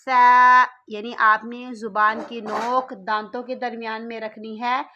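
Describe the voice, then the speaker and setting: Woman slowly sounding out letters. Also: fairly high pitch, level tone, highs cut off. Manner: drawn-out, loud sounding of each letter, then brief soft explanation. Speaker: Quran teacher. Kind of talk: slow letter-by-letter recitation lesson.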